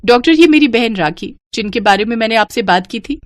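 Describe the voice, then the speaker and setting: A woman playing a kind younger sister, high bright voice, eager, a bit louder, dry close sound. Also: animated, a little fast, no room sound, close to an everyday voice. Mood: excited.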